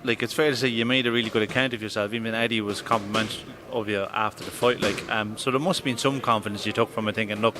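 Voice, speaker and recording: A man's voice: lowish voice, steady tone, quick pace, hardly any pauses. A man with a west of Ireland Mayo accent, interviewing casually with hesitant, roundabout questions. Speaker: boxing interviewer. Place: indoors in a boxing gym. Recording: busy gym noise behind voice.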